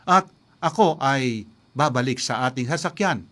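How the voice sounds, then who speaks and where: Male preacher as scheming farmer father, hushed and coaxing, storybook aside in a sermon. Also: mid-range voice, animated, a little slow, pitched below the performer's own voice.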